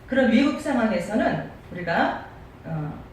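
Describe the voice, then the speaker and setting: A middle-aged woman from Seoul preaches to her congregation in a crisp, clear-cut way, often throwing questions back at them. Her voice rings through a very echoey sanctuary and sounds a little distant from the mic, with a faint hiss underneath. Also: a little high, very animated, unhurried, a little mellow. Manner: crisp, clear-cut delivery with rhetorical questions and occasional laughs. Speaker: pastor. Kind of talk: sermon. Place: church sanctuary.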